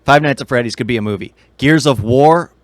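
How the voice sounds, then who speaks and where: Chatting casually about video games and film, this podcast co-host rambles with enthusiasm and firm opinions. He speaks fairly quickly at medium pitch, with no room sound.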